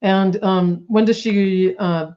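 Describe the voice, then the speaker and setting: Here the toy news podcast co-host talks slowly in a mellow, steady, mid-range voice. Though she's coming down with a cold and feeling a bit off, she stays chatty and bubbly, peppering the casual chat with "like" and "um" over a slightly dull lo-fi recording.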